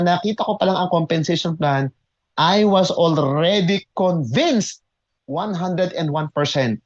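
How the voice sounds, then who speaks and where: A man who mentors in network marketing tells his own story to an online audience, excitable and emphatic, often repeating words and switching between Tagalog and English. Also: on the high side, lo-fi sound. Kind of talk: motivational testimony to an online audience.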